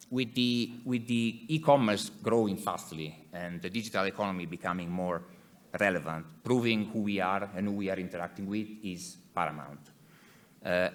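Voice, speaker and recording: A man with an Italian accent giving a conference presentation in English as an executive, speaking haltingly and repeating words. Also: sits low.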